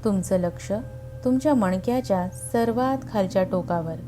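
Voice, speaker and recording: A woman narrating a guided meditation in a calm, soothing, unhurried way with long pauses, over background music. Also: mid-range voice.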